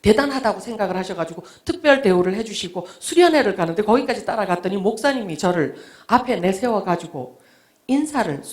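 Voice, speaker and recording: Expressive woman telling a testimony. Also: medium pitch, fairly quick. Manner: emotional storytelling, swings from hushed whispers to loud exclamations; acts out her own past speech and thoughts. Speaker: guest speaker, author. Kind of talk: testimony talk to a church audience.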